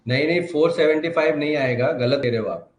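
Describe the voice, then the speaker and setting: Man, diagnostics trainer, slightly high voice, roomy echo. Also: quick pace. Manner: confident, reassuring, instructive. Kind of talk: live online training Q&A.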